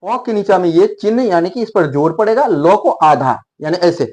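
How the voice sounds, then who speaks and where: A man with a Hindi accent teaching English pronunciation, repeating words slowly for his students. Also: high-pitched, lively intonation, darkish tone. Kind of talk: explaining lesson.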